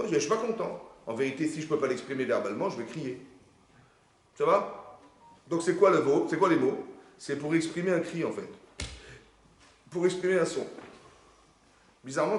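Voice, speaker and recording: Animated man teaching in an echoey room. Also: mid-range voice. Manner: animated, asks the audience questions, acts out quoted voices. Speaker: rabbi teaching a class. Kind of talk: lively sermon-style lesson. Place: synagogue hall. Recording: echoey room, faint ambience.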